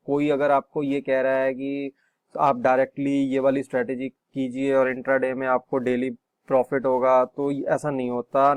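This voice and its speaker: Man, trading tutorial, hesitant, mid pitch, dry recording. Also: darkish tone, no room sound. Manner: hesitant, many fillers and restarts. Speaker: trading instructor. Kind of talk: screen-share tutorial.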